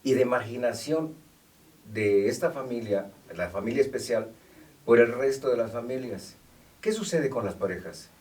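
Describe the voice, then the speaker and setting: A man hosts the interview, posing formal questions at a measured pace. His voice has a mid-range pitch and is picked up from a distance, away from the microphone. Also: animated, a little mellow. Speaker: host. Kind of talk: interview hosting.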